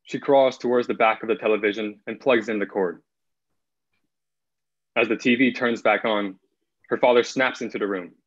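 Over a video call, a young adult man reads the narration in a table read from a plain room in his home. His lowish voice has a breathy edge and fairly even intonation, moving at normal speed with frequent pauses. The call audio is dull.

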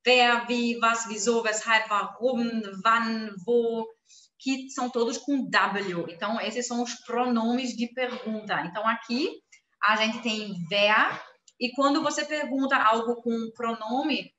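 Slow, bright-voiced woman teaching. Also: on the high side, echoey room, a little hiss or hum. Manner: explains slowly, repeats words, checks in with "tá?" and "né?". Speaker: German teacher. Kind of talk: live online language lesson.

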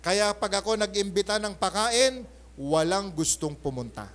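A male pastor preaches an animated Sunday sermon at church in mixed Tagalog and English, frequently prompting an amen. He moves between loud bursts and softer asides. His voice sits high, and he talks at a normal speed.

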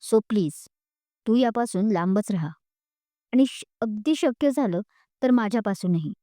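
A woman's voice: medium pitch, lively intonation, a little slow, no echo, close to an everyday voice. A woman voicing an angry, hurt young woman student who scolds sharply and is close to tears, in a spoken storybook. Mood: angry, tearful. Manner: sharp, raised, tearful scolding.

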